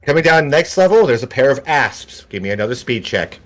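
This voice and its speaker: A man's voice: mid-range voice, a little fast. A man running a tabletop game as game master, narrating scenes and asking players for checks. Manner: relaxed, laughs often, stumbles and restarts while describing scenes.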